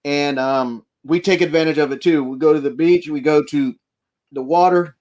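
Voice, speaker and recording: Fairly high in pitch and a little mellow, his voice keeps fairly even intonation at a moderate pace. He's a Florida man hosting a rambling, casual livestream from his RV camper, talking with and thanking viewers.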